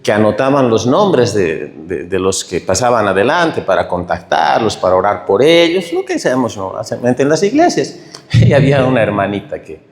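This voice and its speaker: A middle-aged man gives an emotional church testimony, his pitch swinging widely as he tells his story. He preaches into a stage mic, and the church hall adds a long, echoing reverb. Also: moderate pace. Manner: emotional, tearful, animated storytelling. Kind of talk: testimony sermon.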